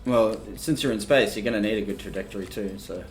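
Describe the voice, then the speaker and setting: A man's voice: on the low side, fast talker. A man streaming a game, chatting in a laid-back, jokey way and laughing a lot. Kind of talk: casual gaming stream chat.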